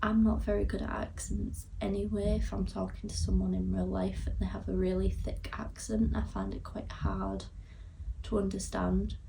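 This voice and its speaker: Warm and creaky, this young Yorkshirewoman's mid-range voice stays fairly level at a normal speed as she reviews a film to camera in a relaxed, slightly hesitant way. The mic is distant, leaving faint noise in the background.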